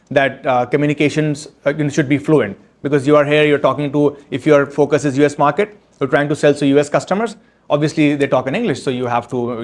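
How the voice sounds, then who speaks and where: Before an audience in an event room, a man with a voice on the high side speaks as the author at a book launch. He responds to questions in a halting, step-by-step manner, frequently starting over.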